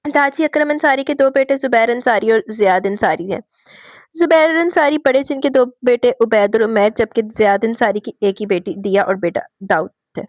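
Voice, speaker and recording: A woman hosting her own channel, reading a romance novel aloud in a lively way and voicing the characters. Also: a little high, moderate pace, no echo. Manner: lively, raises her voice for quoted dialogue. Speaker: novel reader and channel host.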